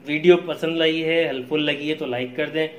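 A man's voice: fairly high pitch, steady tone, a little fast, fairly bright tone. A man with a Pakistani Urdu accent, talking casually in a travel vlog, easygoing and dropping English phrases with frequent uh fillers. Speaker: travel vlogger. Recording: echoey room with faint background noise.

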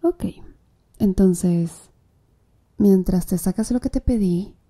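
Here a woman plays a tattoo artist for ASMR: slow, flirty, with a dark, mellow, mid-range voice. Her teasing of the client is soft, breathy and confidently easy, sprinkled with little laughs.

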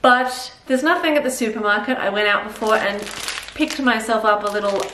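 Brisk and sharp-toned at medium pitch, an Australian vlogger in her thirties rambles casually while cooking at home, thinking aloud with fillers during her cook-along chat. She's far from the camera mic, set a few feet away, so her voice echoes in the roomy kitchen over slight background noise.

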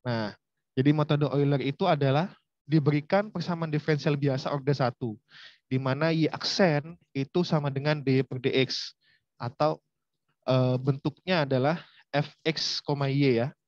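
A man's voice: fairly high pitch, steady tone, normal speed, a little mellow, no echo. A man teaching a university lecture online, chatty and speaking straight to his students. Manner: chatty, addresses students directly. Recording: dull, lo-fi.

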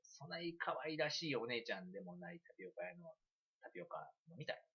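A man with a Kansai accent, chatting and telling a story on a livestream in an animated, giggly way. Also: on the high side, brisk, vocal fry, dull audio. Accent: Kansai Japanese. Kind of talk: casual rambling storytelling.

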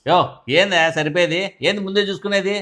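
A young man with a high voice barks quick, short-tempered scoldings in a comedy skit. His talk is rapid and gruff, full of impatient orders. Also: steady tone, fairly bright tone. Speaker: comedy sketch actor playing a short husband.

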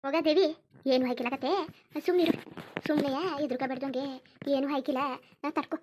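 A woman's voice: high-pitched, a little fast, a little mellow, close to an everyday voice. A woman voicing a fussy, bossy old village mother in a cartoon, scolding and giving orders. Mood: soothing. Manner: scolding, orders people about. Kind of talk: cartoon voice acting.

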